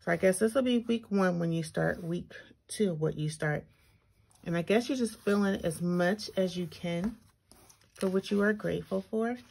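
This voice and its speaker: A planner-reviewing video host talks in a fairly low, slightly mellow voice with vocal fry at a moderate pace. Her braces slightly get in the way of her speech as she thinks aloud, reads items out and chats casually through a walkthrough. It's an overhead, hands-only shot at an indoor tabletop, with noticeable background noise and clicks in the audio.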